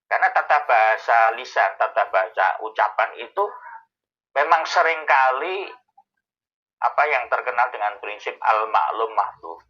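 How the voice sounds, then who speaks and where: A man, explaining answers to a host's questions in a thoughtful way, pausing often to find his words. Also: medium pitch, expressive, pushed and bright, dull audio. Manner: thoughtful, with many pauses and fillers. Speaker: Islamic scholar answering questions. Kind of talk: explanatory Q&A talk.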